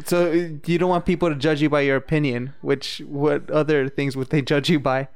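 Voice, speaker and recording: A man joking through a casual podcast chat with his friends. His voice sits a bit high and comes across smooth and clean. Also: steady tone, brisk. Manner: joking, talks over others. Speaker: podcast co-host. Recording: home recording.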